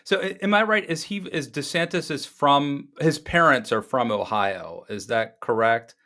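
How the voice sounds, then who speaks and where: A man's voice: medium pitch, moderate pace, pushed and bright. A man from Maryland hosting a podcast interview, asking questions conversationally and stumbling a little as he frames them. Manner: conversational, stammers while forming questions. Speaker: podcast host.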